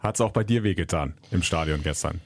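Dry, low-voiced man hosting a podcast. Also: a little fast, creaky, no room sound. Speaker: football podcast host. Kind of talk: presenting and chatting in a studio.

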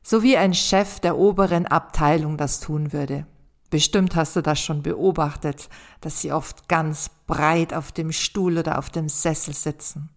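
A woman hosting a self-help podcast, calmly speaking straight to the listener and guiding them through exercises in a gentle, encouraging way. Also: low-pitched, a little slow. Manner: calm, addresses the listener directly as "du". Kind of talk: scripted advice monologue.

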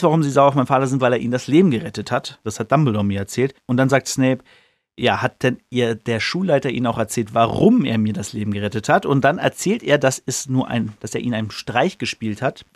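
A man's voice: mid-range voice, no echo, clean studio sound. A man hosting a podcast, casually retelling a book chapter in a loose, colloquial way with slangy asides, now and then briefly mimicking the characters. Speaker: podcast host.

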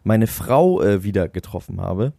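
A man co-hosting a podcast, telling a long anecdote in a rambling, animated way and laughing at his own story. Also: lowish voice, normal speed, creaky, no room sound. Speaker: podcast co-host.

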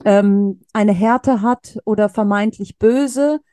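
A woman's voice: mid-range voice, slow, dark tone, dry recording, studio quality. A woman with a Swiss German accent who hosts a podcast, asking thoughtful follow-up questions in a casual conversation. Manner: reflective, asks follow-up questions. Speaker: podcast host.

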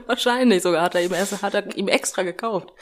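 A woman in casual chat, retelling a story with frequent laughter and acting out the replies of the other person. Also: medium pitch. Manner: quick colloquial retelling. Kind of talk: casual chat, telling an anecdote.

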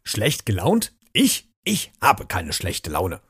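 A man voicing a grumpy male chimpanzee in a children's storybook reading, muttering low and slow. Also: sharp tone, breathy edge, heavily acted. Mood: grumbling.

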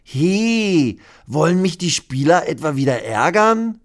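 Excited friendly dinosaur mascot, voiced by a man, high-pitched, wide-eyed, children's storybook. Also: takes it slowly, heavily acted.

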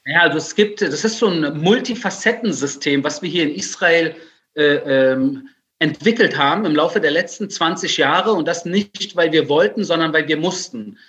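A man in his forties from Berlin, Germany, a writer and military spokesman, joins an interview remotely as a guest. He explains things conversationally at a moderate pace, in a fairly high, slightly bright voice.

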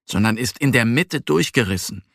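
A man gently and expressively reading a children's story aloud. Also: medium pitch, expressive, moderate pace, creaky, no room sound, clean studio sound. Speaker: narrator.

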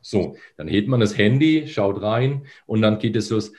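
A man's voice: on the low side, expressive, unhurried, a little mellow. A male voice coach on a podcast, his voice a little phlegmy in the morning, explaining and demonstrating voice exercises with hums. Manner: instructive, demonstrates with hums and sung lines.

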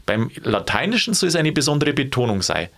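Gravelly Bavarian man, lively and playful. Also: medium pitch, fairly quick. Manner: musing, playful, laughs easily. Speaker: podcast co-host. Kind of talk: casual chat.

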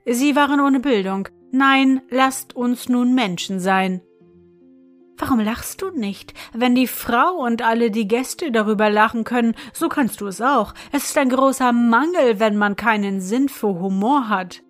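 A woman's voice: fairly high pitch, a little slow, soft background music, lightly acted. A woman voicing a smug, self-satisfied green parrot in a storybook reading, speaking in a lofty, lecturing way.

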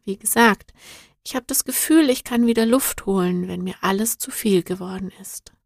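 A woman's voice: medium pitch, moderate pace, gravelly, no echo, studio quality. A woman voicing a thoughtful young girl in a storybook, speaking in an earnest, searching, heartfelt way. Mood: earnest, wistful.

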